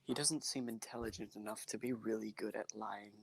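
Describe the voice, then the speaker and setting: A man's voice: fairly low pitch, fairly even intonation, fairly quick, a little hiss or hum. Man chatting at a game table. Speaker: player.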